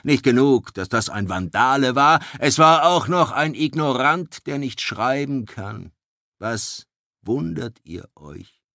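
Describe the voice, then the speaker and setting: A man's voice: mid-range voice, lively intonation, slow, pushed and bright, no room sound, clean studio sound, voice pushed up, full character voice. A man voicing a grey-haired old druid who preaches in a gloomy, scornful way in an audiobook. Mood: somber. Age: older.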